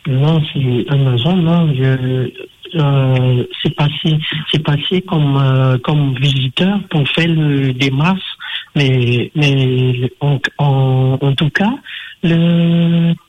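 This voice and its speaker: A man's voice: medium pitch, steady tone. Hesitant man on speakerphone. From Madagascar. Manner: halting, hesitant, repeats words. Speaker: caller. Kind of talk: radio call-in. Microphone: phone on speakerphone. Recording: dull phone line, faint noise.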